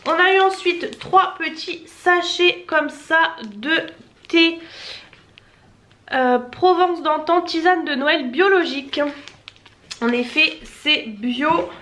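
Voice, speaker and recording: Chatty high-voiced woman with a Marseille accent. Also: slow pace, sharp tone. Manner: chatty, rambling, self-correcting. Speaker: family vlogger. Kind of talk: casual unboxing chat to camera. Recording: echoey room with faint noise.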